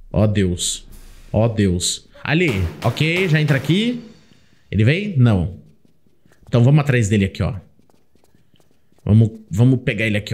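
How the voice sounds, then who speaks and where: A young gameplay commentator with a Brazilian Portuguese accent chats excitedly through a casual let's play, frequently speaking directly to the character on screen. His voice is mid-range.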